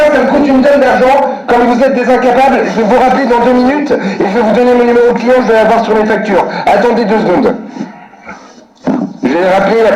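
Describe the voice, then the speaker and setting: A man ranting furiously at a customer service line, swearing constantly and muttering to himself between calls. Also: high-pitched. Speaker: irate customer on a prank call. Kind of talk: angry phone rant, swearing. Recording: echoey room, recorded phone call.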